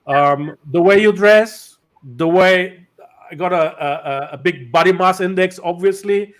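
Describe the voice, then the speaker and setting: Over a video call, a male host conducts a casual interview in English, which is not his first language; he grew up speaking German or Turkish. His voice is high and his pace measured, and his speech is full of fillers and restarts.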